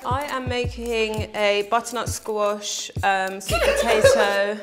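A woman's voice: on the high side, big pitch swings, slow, loud music behind the voice. A young woman from London cooking on a show, talking through her steps in a matter-of-fact way and playing the chef. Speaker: show host and contestant cook. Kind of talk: casual banter.

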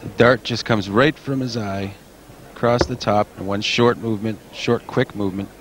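A man's voice: lowish voice, fairly even intonation, normal speed, slight background noise, rough recording. A man giving explanatory, analytical live darts commentary as the expert co-commentator.

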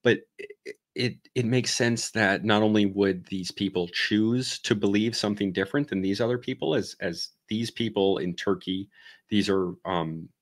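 A man in his thirties talks over a video he is reacting to, wandering through side points as he thinks aloud. His voice sits deep and low and comes across dry and close on a headset mic. The room at home barely colours the sound. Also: normal speed, dry recording. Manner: digressive, thinks aloud while explaining. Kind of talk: casual reaction commentary. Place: home room with bookshelves, indoors.

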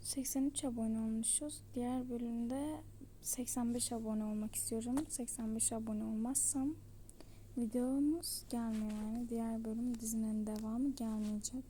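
Tired woman chatting to viewers over her game, quiet half-whisper, highish mellow voice. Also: steady tone, normal speed, a little hiss or hum. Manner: soft, half-whispered asides. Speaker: channel host. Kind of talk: casual game narration to viewers.

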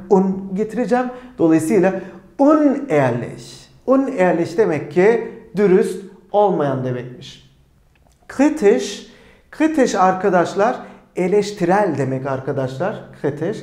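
A man's voice: sits high, dark tone. A man teaching a language lesson, who asks and answers his own questions and says each word twice. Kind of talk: slow, repetitive language lesson. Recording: echoey room.

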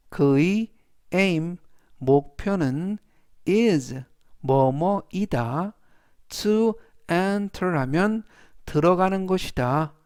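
A man leads a vocabulary lesson, stretching each English word out slowly and clearly so learners can repeat it. His voice sits a little high, and his delivery is very deliberate. The recording is dry and close, with no room sound. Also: a little mellow, no room sound. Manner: drawls English words slowly and clearly for repetition. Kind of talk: slow scripted vocabulary lesson.

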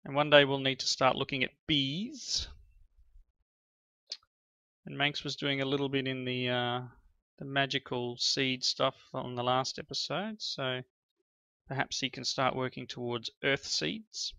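This gaming channel host, a middle-aged man, offers casual commentary during a family game session and compliments his kids along the way. He speaks at a measured pace in a mid-range voice that is bright, forceful, clear and resonant. There's no echo, though the audio has a slightly dull, lo-fi quality.

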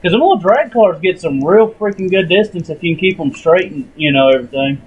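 A man's voice: sits high, a little fast, slightly rough, dull audio. A man in his mid twenties, co-hosting a casual gameplay chat in a talkative, rambling way. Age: 20s. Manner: talkative, rambling, laughs often. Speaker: gaming channel co-host.

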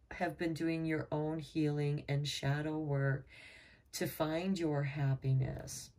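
A woman with a low, deep voice gives a tarot reading, taking her time over every card. She talks in a calm, measured, reassuring way, and she sits a little back from the microphone. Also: far from the mic. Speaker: tarot reader.

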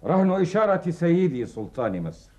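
An actor playing a deferential, obsequious official in charge of the mint. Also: male voice, a little high, big pitch swings, a little fast, mellow. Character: smooth, deferential master of the mint.

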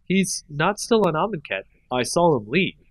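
A man's voice: on the high side, normal speed, pitched above the performer's own voice. A man doing a blunt young fire mage. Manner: blunt and flat.

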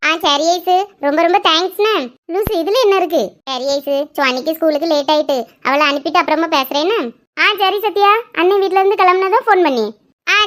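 In a one-woman comedy sketch, a creator plays every part herself, jumping between a scolding mother, a whiny girl and a friend. Her voice is very high and fairly bright.

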